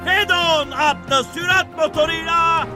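An actor playing a pompous contest announcer in an animated sitcom. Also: male voice, very high voice, over loud music. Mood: announcing. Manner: announcing, drawn-out.

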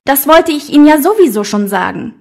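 Woman acting as office assistant, very high voice, careful and deferential, lesson dialogue. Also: lively intonation, a little fast, a little mellow. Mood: dutiful. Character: dutiful female office assistant. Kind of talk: scripted language-lesson dialogue.

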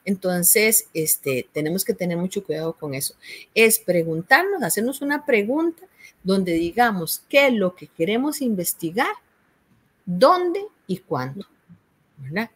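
A woman with a Costa Rican accent explains an assignment like a patient university tutor. Her pitch sits in a middle range, and she leans on small check-ins and fillers as she talks the students through each step. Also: sing-song, a little slow, husky. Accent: Costa Rican Spanish. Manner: patient, explanatory, frequent "¿verdad?" and "este".

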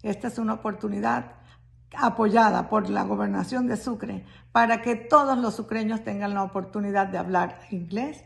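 A woman's voice: medium pitch, moderate pace, vocal fry. A woman giving an upbeat promotional welcome to an English course. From Colombia. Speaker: course presenter. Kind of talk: welcome announcement.

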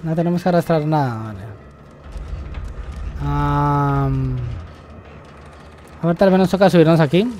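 A young man with a high voice gives let's-play commentary as he plays. He is excitable, repeats words in rapid bursts and yelps when something startles him. A faint hum of noise sits underneath. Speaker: gamer.

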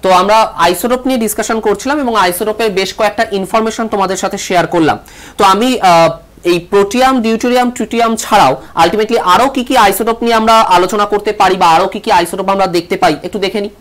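Guy teaching an online class on tv, kinda high voice, really hammers the stressed syllables, asks stuff then answers it himself. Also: fast talker, a bit bright. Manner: emphatic, stresses syllables aloud and repeats key words. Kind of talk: televised online lecture.

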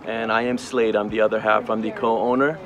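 A man in his forties from Hawaii, co-owner of a small brand, is interviewed outdoors on a red carpet with a handheld mic. His voice is lowish, level, brisk and a bit bright, and he rambles upbeat with lots of fillers and restarts. The recording sounds muffled.

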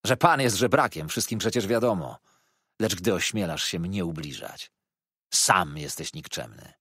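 A man's voice: low voice, expressive, a little slow, a bit bright, husky, dry recording, clean studio sound, exaggerated voice. A man doing an arrogant, scornful schoolboy. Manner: contemptuous, defiant.

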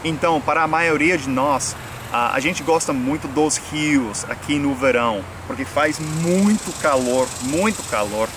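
For this casual outdoor vlog, a young American native English speaker, who works as a vlogger and English teacher, talks to the camera in a sunny park. He's relaxed and uses lots of fillers, speaking a little slowly in a fairly high voice. Recorded on a camera mic at arm's length, with traffic noise around.

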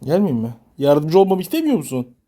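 A man's voice: on the high side, wildly swooping pitch, brisk, warm tone. A man talking casually as a father playing a video game with his child, cooperative and often checking with questions. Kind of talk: casual gameplay chat.

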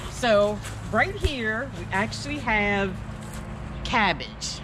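An older American woman vlogs about her home garden, chatting casually to a handheld camera held at arm's length in a fenced backyard. Her mid-range voice is animated and slow, playful and self-deprecating. Outdoor ambience makes the recording clearly noisy.

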